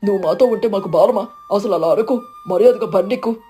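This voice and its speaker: Brief: woman voicing a kind young farmer husband, quick and firm, mellow tone, storybook. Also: mid-range voice, faint music behind, close to an everyday voice. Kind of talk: storybook narration.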